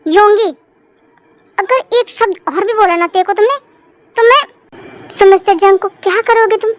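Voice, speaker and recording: A defensive young husband speaks firmly and warns his friend, as a woman acts him out. The voice is very high and the sound dry and close. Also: moderate pace, dry recording. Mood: warning. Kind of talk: fan audio story voice acting.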